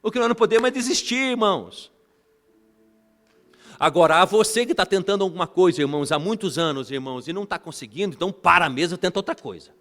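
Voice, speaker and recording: A man preaches to his congregation with lively energy, his voice sitting on the higher side. He keeps calling out to the brothers and weaves in family stories. The sound rings with the long reverb of a church hall. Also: quick pace. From Brazil. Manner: animated, addresses congregation as brothers, tells family anecdotes. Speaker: bishop preaching. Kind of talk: sermon.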